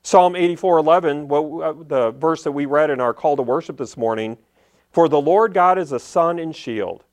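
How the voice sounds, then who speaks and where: A man's voice: on the high side, normal speed, darkish tone. A man preaching a conversational Sunday sermon as pastor, plainspoken and repeating key phrases for emphasis. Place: church service.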